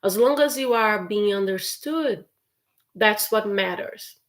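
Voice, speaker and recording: Speaking slowly in a mid-range voice, a Brazilian woman whose first language is Portuguese answers viewers' questions as an English teacher during a live stream Q&A. Her manner is encouraging and chatty, with frequent laughter.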